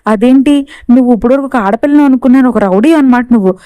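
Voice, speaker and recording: A woman voicing a calm young man who gently reasons with his partner. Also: a little high, fast, clear, resonant tone, no room sound, close to an everyday voice. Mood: reasoning.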